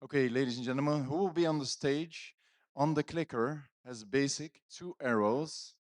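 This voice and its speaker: Holding a handheld stage microphone at a live event, a conference host playfully banters with the audience and his guest. His medium-pitched voice moves at a moderate pace, in clean studio sound without room sound.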